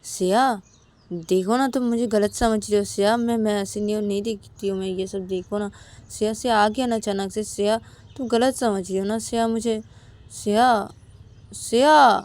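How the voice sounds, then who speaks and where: A woman voicing Shruti, a defensive, quick-tempered young woman who repeats herself insistently. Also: mid-range voice, steady tone, darkish tone, dry recording, close to an everyday voice. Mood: pleading.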